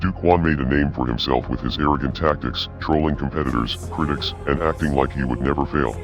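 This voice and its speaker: Over background music, a man delivers a scripted video statement as an anonymous hacktivist spokesman. His voice is disguised, pitched very deep, and menacing yet measured.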